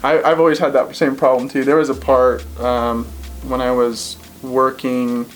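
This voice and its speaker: A man's voice: medium pitch, little pitch movement, normal speed, soft background music. A man in his twenties hosting a casual podcast interview, chatty and full of fillers. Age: 20s. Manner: chatty, many fillers like "like" and "yeah". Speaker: podcast host.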